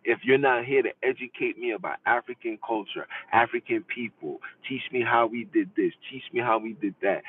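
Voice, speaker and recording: A man's voice: medium pitch, brisk, few pauses, husky. A man hosting a podcast in an impassioned monologue, emphatic and repetitive, preaching his points over and over. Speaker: podcast host. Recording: distant tinny phone-like audio with faint noise.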